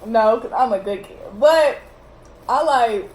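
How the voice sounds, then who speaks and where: A woman's voice: fairly high pitch, measured pace, darkish tone, a little hiss or hum, poor audio. A woman co-hosting a casual seafood mukbang, chiming in with short, dry one-word replies. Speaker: co-host.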